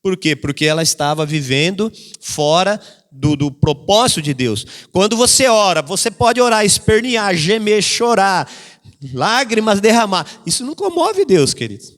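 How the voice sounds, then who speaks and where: A man preaches in a high voice and hammers his key phrases again and again. He briefly acts out the voices of the people he quotes. The sound rings with the long reverb of a church hall. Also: big pitch swings, normal speed, a bit bright. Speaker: pastor. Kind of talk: sermon.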